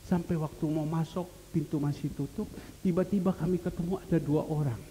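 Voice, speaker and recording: A middle-aged male pastor preaches with a warm, mellow voice and earnest repetition. His voice rings with a long reverb through a large church hall, over a faint hiss. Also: on the high side, steady tone, a little fast. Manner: earnest, repeats key phrases for emphasis. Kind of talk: sermon with storytelling.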